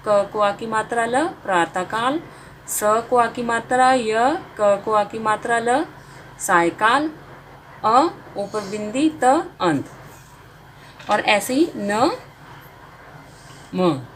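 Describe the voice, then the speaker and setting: A woman's voice: a little high, expressive, drawn-out words, pauses often, a bit bright, a little hiss or hum, low-quality recording. A woman teaching a beginner spelling lesson, sounding out letters and marks one by one and drawing out each finished word.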